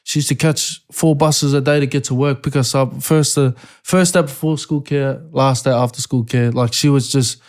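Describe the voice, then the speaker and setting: Speaking at a normal speed with few pauses, the Samoan guest rapper, from American Samoa, keeps a mid-range voice through a casual interview. He's easygoing, swears heavily, and breaks out laughing with excitement.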